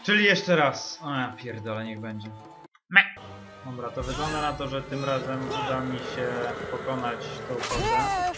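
A man's voice: mid-range voice, very animated, moderate pace. A man giving casual, muttered, sweary gameplay commentary. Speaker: gamer. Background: game music.

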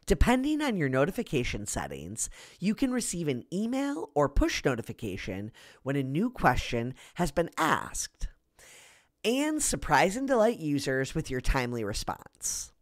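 A woman's voice with a lower pitch that swings widely and expressively as she reads. Her delivery is scripted, upbeat and instructive, the way a podcast host explains practical tips. The recording is dry and close, with no room sound. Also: huge pitch swings, moderate pace, dry recording.

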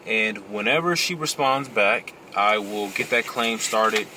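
A man in his thirties with a Chicago accent, chatting casually to the camera in a relaxed vlog from inside a car. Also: lowish voice, unhurried. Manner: relaxed, chatty, says "finna" and "you know". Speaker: vlogger. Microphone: camera on the dashboard. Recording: car interior with road noise.

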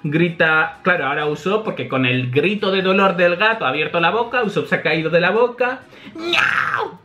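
A man from reacts to a comic in casual, chatty commentary. His bright voice sits a little high and swings lively from note to note, with frequent laughs. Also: brisk. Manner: animated, chatty, laughs often. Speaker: manga reaction host.

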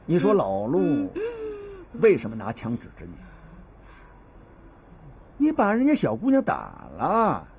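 A man's voice: on the high side, wildly swooping pitch, unhurried, gravelly, long pauses, slight background noise, exaggerated voice. An actor in his fifties playing a patient, fatherly neighborhood police officer with a Beijing accent, lecturing and mediating a quarrel in a TV drama. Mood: coaxing. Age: 50s. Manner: patient, lecturing mediator who scolds and coaxes. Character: seasoned middle-aged male beat cop, stern yet fatherly. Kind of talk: TV drama acting.

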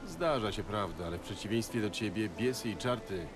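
An actor playing a weary, stoic monster hunter in a video game, speaking in a dry, matter-of-fact way. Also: male voice, lowish voice, expressive, a little fast, music in the background. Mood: dry, calm.

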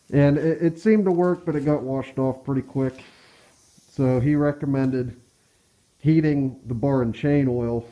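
An American man gives a casual hands-on walkthrough with his voice muffled by a respirator mask. His tone is mellow and mid-pitched. He speaks plainly and haltingly, feeling for his words as he works. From Pennsylvania, US. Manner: hesitant, halting, plain-spoken. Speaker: DIY truck restorer. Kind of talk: casual hands-on how-to talk. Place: cluttered workshop, indoors.

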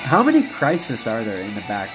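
A man's voice: fairly low pitch, wildly swooping pitch, fairly quick, rough recording. A man chatting on a game stream, rambling and cursing as he answers his chat. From United States. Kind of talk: casual live-stream chat while gaming. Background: music.

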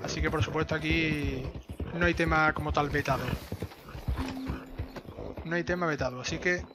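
A man's voice: a little high, fairly even intonation, moderate pace, background noise. Joking man. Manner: joking, chatty, repeats himself. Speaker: gaming streamer. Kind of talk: casual live-stream chat.

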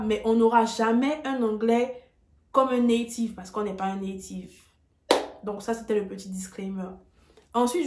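Woman, casual video lesson, emphatic and direct, fairly high voice, roomy echo. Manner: emphatic, direct, speaks straight to viewers. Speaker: English tutor on video.

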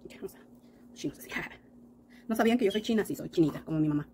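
Woman makeup vlogger, quick chatty delivery, faint noise behind. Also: fairly low pitch, low-quality recording. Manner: chatty, addresses viewers warmly with diminutives. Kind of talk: casual makeup tutorial.

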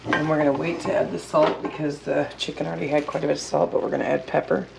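Woman home cook, gravelly voice, casual recipe walkthrough, kitchen noise behind. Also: sits low, fast talker. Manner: relaxed, step-by-step instructions while cooking. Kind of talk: casual cooking demonstration. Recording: loud kitchen clatter and stirring.

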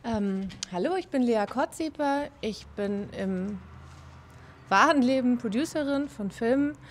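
A woman who is a film producer introducing a volunteer project hesitantly, with many pauses, in a bright meeting room with a handheld microphone. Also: fairly high pitch, expressive, slight background noise. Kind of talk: workshop self-introduction. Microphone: handheld mic.

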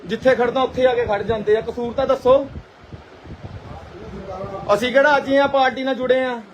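A young man argues and pleads in a very high, strained voice while filming himself live on a handheld phone outdoors. Faint street noise sits under his protests. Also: level tone, moderate pace, dull audio. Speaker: local party worker being detained. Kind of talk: live phone stream during police pickup. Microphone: phone held in hand.

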